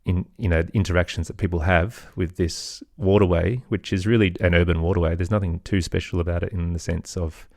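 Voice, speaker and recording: A middle-aged musician and storyteller, interviewed as a podcast guest, answers in a low, darkish voice with fairly even intonation, a little fast and hardly pausing. His reflective, loose replies hedge with "sort of" and "kind of," recorded in clean, echo-free studio sound.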